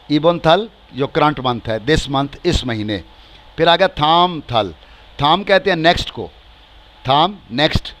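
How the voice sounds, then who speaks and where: A man with a Pakistani accent teaches a beginner language class in a slightly high voice. He talks slowly and patiently, drawing out each word and repeating phrases with their translations. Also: a bit bright. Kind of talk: spoken language lesson.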